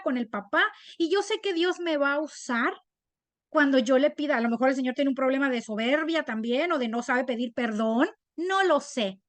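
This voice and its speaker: A woman leading a women's Bible study. She shares a personal testimony in an animated, chatty way and often checks in with her listeners. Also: sits high, no echo.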